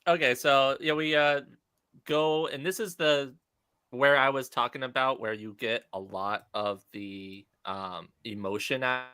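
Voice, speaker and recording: A man co-hosting a livestream, chatting loosely and excitably, breaking into laughs. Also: medium pitch, measured pace, clean tone. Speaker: co-host. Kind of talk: casual livestream chat.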